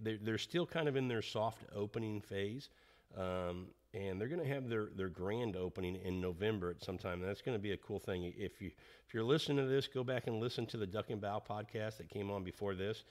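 A man co-hosts a podcast in an easygoing chat, often restarting his sentences as he rambles along. His voice sits a little low and relaxed. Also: brisk. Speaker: podcast co-host. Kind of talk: casual chat.

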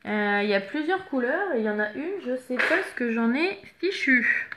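A woman's voice: high-pitched, animated, normal speed, background noise. A woman chatting casually as she shows makeup products one by one, stopping now and then to hunt for a missing item. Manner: chatty, searches for products while talking. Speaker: makeup seller presenting products.

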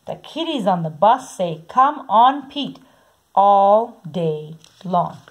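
A woman reading a children's picture book aloud in a slow, sing-song way, saying the repeated sounds softly. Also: mid-range voice, sing-song. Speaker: storybook reader.

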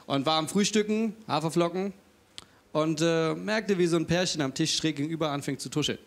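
Cheeky deadpan male stand-up comedian. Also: a little high, brisk, gravelly. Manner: cheeky, deadpan self-mockery. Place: stage before a live audience.

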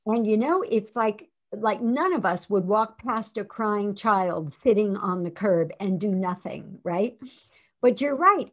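This is a woman hosting a radio interview, with a mid-range voice. She is affirming and responsive. She often murmurs agreement while her guest speaks. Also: mid-range voice. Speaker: radio show host.

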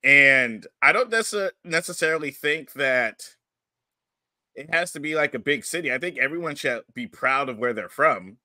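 A middle-aged man from Pennsylvania, hosting a podcast in a relaxed, chatty way with many fillers, on a studio mic. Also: fairly high pitch, normal speed, no room sound. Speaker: podcast host and comedian. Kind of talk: casual podcast chat. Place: home studio room with posters. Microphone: studio mic on a boom arm with headphones.

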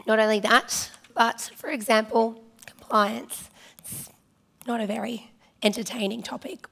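Speaking to a conference from the stage of a large indoor hall, a partnerships manager chats informally and addresses the audience directly. Her voice is a little high, hoarse, and giving out as she loses it.

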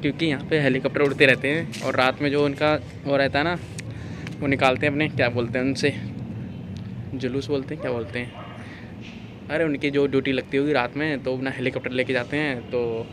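A man's voice: medium pitch, fairly even intonation, normal speed. A man chatting casually to camera from a rooftop, constantly calling out to his viewers. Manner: chatty, repeatedly addresses viewers as "guys". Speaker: vlogger. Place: rooftop outdoors. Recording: loud outdoor background noise.

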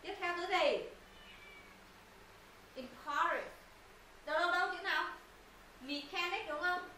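A woman teacher runs a pronunciation drill, repeating words and quizzing her students. Her voice is high and bright. It rings in an echoey room with faint background noise. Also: a little slow. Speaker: English teacher. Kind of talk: live pronunciation lesson to students.

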